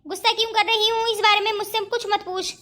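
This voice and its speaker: A grumbling, stern mother-in-law from a cartoon story, as a woman acts her. She sounds worried and grumpy. The pitch runs very high. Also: fairly even intonation, quick pace, pushed and bright.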